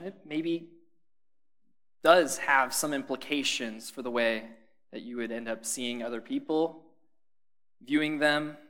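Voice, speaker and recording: A man's voice: medium pitch, a bit bright. A man preaching a sermon in a conversational way, putting questions to his listeners and adding dry humor.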